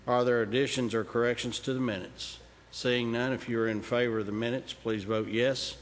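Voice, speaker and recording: A man chairing a county committee meeting, briskly calling for motions, seconds and votes. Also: mid-range voice, steady tone. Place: large county commission room. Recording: reverberant room, faint noise.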